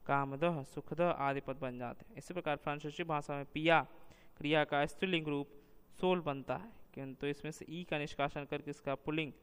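A man reading a linguistics lesson aloud, listing examples one after another in a measured way. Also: on the high side, steady tone, clear, resonant tone, in a large hall. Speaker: lecturer.

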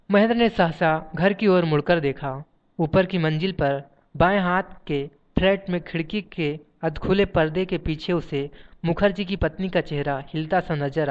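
A man narrating a novel as an audiobook in a measured reading voice, on a dull lo-fi recording. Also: fairly high pitch, smooth. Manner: measured, reads page numbers aloud.

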